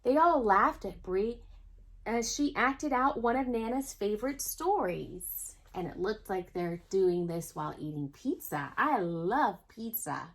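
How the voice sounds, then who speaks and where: In an unhurried, expressive voice of medium pitch, a woman reads a picture book to young listeners as a storytime host. Along the way she adds asides to the children watching.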